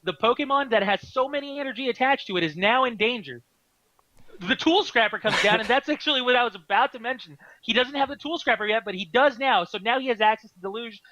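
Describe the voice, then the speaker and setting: A man doing live card game commentary, excitable, laughing often and restarting his sentences. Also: very high voice, fast, dry recording, highs cut off.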